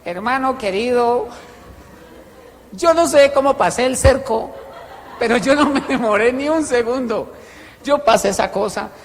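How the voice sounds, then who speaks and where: A male pastor with a high voice preaches and tells stories to a congregation, his volume swinging from loud passages to quiet asides. His voice carries a long reverb through the church hall. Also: animated, a little slow, long pauses, a little hiss or hum. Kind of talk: sermon.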